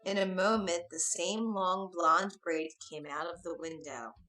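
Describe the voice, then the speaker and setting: A woman narrating a fairy tale for English learners, reading slowly, clearly and expressively. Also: lowish voice, steady tone, bright, forceful tone, poor audio.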